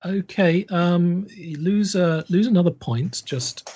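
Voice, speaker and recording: A man runs a tabletop horror game, narrating slowly and haltingly, with many repeated words. His voice is husky. The recording sounds dull. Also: high voice, warm tone. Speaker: game master.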